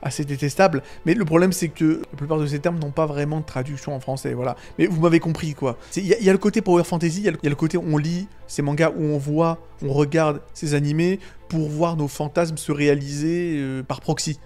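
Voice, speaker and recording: A man's voice: a little high, steady tone, fast, hardly any pauses, darkish tone, faint music behind. A young man giving casual, sarcastic commentary on anime, laughing often and trailing off into fillers and restarts.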